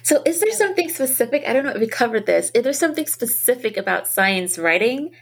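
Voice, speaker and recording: A woman's voice: fairly high pitch, very animated, quick pace, breathy edge. Upbeat woman podcast host. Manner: warmly encouraging, affirming with "right" and "love it". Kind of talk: casual interview.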